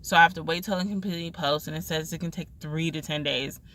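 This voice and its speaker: A woman's voice: deep voice, fast talker, slight background noise. A woman vlogger telling a frustrating restaurant story in casual chat, acting out what each person said. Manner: animated retelling, acts out quoted lines.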